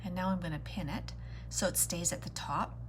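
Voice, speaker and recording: Low-pitched woman chatting on a noisy livestream. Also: fairly quick. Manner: chatty, addressing viewers directly with greetings and endearments. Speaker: beauty vlogger hosting a live makeup tutorial. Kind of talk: casual livestream chat while doing makeup.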